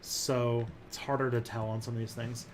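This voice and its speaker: A man hosting a casual livestream chat, animated and jokey, rambling with many fillers. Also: medium pitch, normal speed, a little hiss or hum. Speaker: host.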